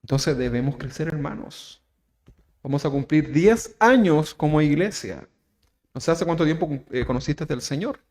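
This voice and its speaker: A man with a Chilean accent preaching a sermon as pastor, asking his listeners questions and tagging lines with "¿verdad?", swinging from loud emphatic phrases to soft asides. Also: fairly high pitch, expressive, normal speed. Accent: Chilean Spanish. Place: church.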